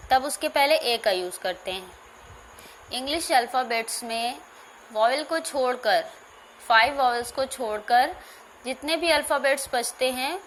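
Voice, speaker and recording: Slow, explaining woman teacher. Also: high voice, a bit bright, slight background noise. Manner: slow, explanatory, repeats and spells out words. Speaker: school teacher. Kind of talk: classroom grammar lesson.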